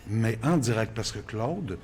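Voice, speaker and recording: An older man with a Quebec French accent, a radio guest telling stories of his career in a casual, animated way. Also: lowish voice, a little slow, a little hiss or hum. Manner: animated storytelling, exclamatory.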